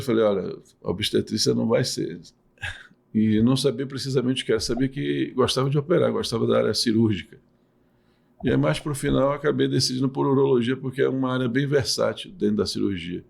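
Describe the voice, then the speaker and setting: Gravelly-voiced man explaining patiently. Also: on the low side, a little mellow. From Salvador, Bahia, Brazil. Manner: explanatory, hesitant restarts. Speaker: urologist and professor, guest. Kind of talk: podcast interview.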